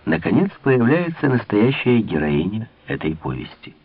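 A man narrating a classic novel in an expressive literary reading. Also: fairly low pitch, moderate pace, breathy edge, dry recording. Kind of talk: audiobook reading on radio. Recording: narrow phone-like old radio sound.

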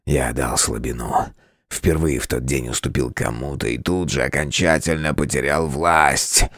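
A man voicing a broken, hateful male demon king in an audiobook, speaking slowly and bitterly, moving between hollow mutters and frantic cries. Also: rumbling low, steady tone, a bit bright, no echo, clean studio sound. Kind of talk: audiobook character voice.

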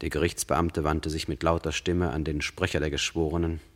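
This true crime radio play is told by a deep-voiced male narrator who addresses the listener directly in a sober, measured way. His pitch barely moves.

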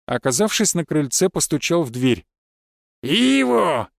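A man's voice: a little high, brisk, a little mellow, no echo, clean studio sound. Man narrating a fantasy audiobook.

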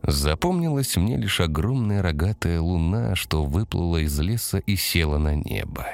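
A man narrating a horror story in a measured, steady way. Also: low-pitched, creaky, no room sound.

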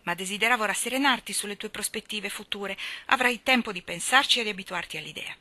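A woman voicing a stern, brooding young man who speaks in a grave, measured way in an audiobook. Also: medium pitch, bright, forceful tone, no echo, close to an everyday voice. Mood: earnest.

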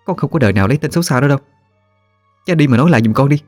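A man's voice: a little high, fairly quick, a little mellow, dry recording, studio quality, faint music behind, pitched above the performer's own voice. A man voicing a tearful young village girl. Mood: shocked defiant. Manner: pleading, sobbing.

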